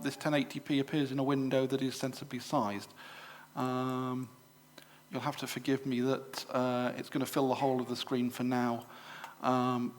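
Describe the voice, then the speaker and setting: A middle-aged English man giving a live demonstration to a club audience, chatty and full of fillers and quick self-corrections. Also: medium pitch. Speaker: presenter at a computer club show. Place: exhibition room at a club show.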